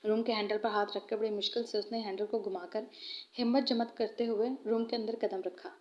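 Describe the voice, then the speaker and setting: A woman narrating a romance novel aloud in steady storytelling, in a muffled lo-fi recording. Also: medium pitch, brisk.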